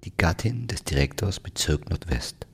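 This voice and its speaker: A man doing a fawning, flowery flatterer. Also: deep voice, moderate pace, husky, whispered, full character voice. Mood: flattering. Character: fawning, overly polite middle-aged male passenger.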